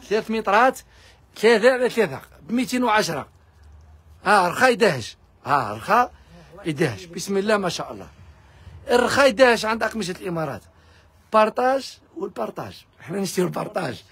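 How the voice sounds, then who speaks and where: A man with an Algerian accent, pitching fabric discounts in a pushy live sales video. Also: a bit bright, slightly rough, no room sound. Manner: rapid, pushy hawking to viewers. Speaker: fabric shop seller.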